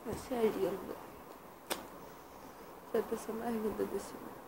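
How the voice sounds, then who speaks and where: A woman's voice: medium pitch, fairly even intonation, normal speed, vocal fry, background noise. A woman with a Brazilian accent teasing and coaxing her partner in a playful home video chat. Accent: Brazilian Portuguese. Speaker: vlogger filming with her partner.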